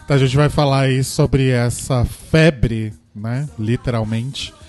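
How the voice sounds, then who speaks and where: A man hosts a relaxed radio chat in a mellow, dark-toned voice. He teases his co-host with a flamboyant flair, and faint music runs in the background. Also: medium pitch, measured pace. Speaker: podcast host.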